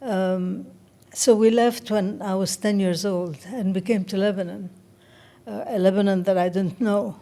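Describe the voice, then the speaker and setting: Older woman with a warm, mellow voice. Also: mid-range voice, steady tone. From Egypt. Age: around 70. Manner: measured and thoughtful, often pausing to find words. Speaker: interview guest, writer. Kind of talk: reflective interview talk.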